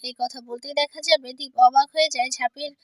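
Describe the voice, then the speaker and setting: A woman recaps a TV serial in a plain, steady narrating voice. Her pitch sits high, and the close-miked sound is dry with no room echo. She reads the characters' lines aloud without really acting them. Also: quick pace. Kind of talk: plot retelling.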